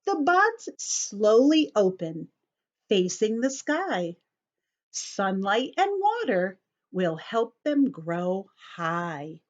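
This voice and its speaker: A woman reads a picture book to small children during story time, explaining it in simple terms and quizzing them like a teacher making sure they keep up. Her delivery is animated and unhurried, her pitch rising and falling widely. The recording is a bit dull and lo-fi.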